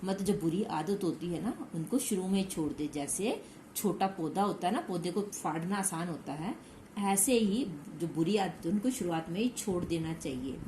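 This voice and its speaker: A woman's voice: fairly low pitch, animated, normal speed, dark tone. A woman teacher who reads a story aloud to young pupils, retells each line in simple words and asks the class questions. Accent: Hindi. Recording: echoey room with faint background noise.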